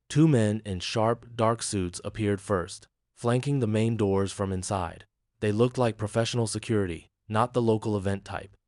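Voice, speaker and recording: A man reading a dramatic story as a narrator, in an even storytelling manner. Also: fairly low pitch, no echo, clean studio sound.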